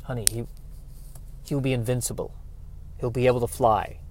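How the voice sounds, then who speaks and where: A man voicing an alien father who calmly explains nonsense science to his wife in a low, patronizing tone. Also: normal speed, lightly acted.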